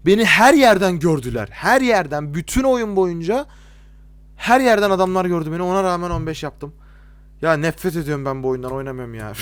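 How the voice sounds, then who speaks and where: A man's voice: high-pitched, no room sound. Exasperated young man with a Turkish accent. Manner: exasperated, swearing, talks to viewers. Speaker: gaming YouTuber. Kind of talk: gameplay commentary.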